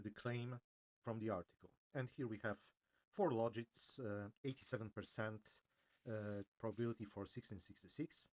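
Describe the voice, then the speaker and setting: A man presenting an informal technical explainer in a hesitant, halting way, often correcting himself. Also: mid-range voice. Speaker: video presenter.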